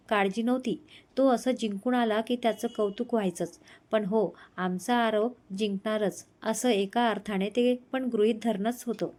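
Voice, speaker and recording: A woman storyteller narrating a romantic storybook in a steady, expressive way. Her voice sits a little high.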